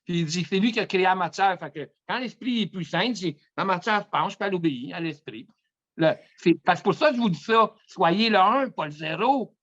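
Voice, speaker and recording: A man's voice: high voice, a little fast, dull audio. A man in his fifties with a Quebec French accent, telling rambling spiritual stories in a casual talk. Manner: rambling, animated storyteller. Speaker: guest.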